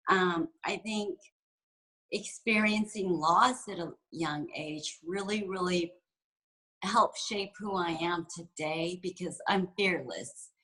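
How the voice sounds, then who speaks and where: A woman in her forties from San Francisco, USA, an executive and entrepreneur, speaks candidly and reflectively as a guest in a conversational interview, using frequent fillers. Her voice sits on the low side, slow and a bit bright, and the audio quality is poor.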